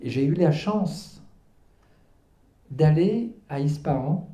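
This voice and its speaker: Born in Algeria and raised in Paris, a guest author in his fifties fields questions at a book presentation in a cultural centre hall, hesitating, filling pauses and restarting phrases before earnestly driving his point home. His voice is very dark and mellow yet on the high side, with lively intonation and a slow pace, echoing through the spacious hall.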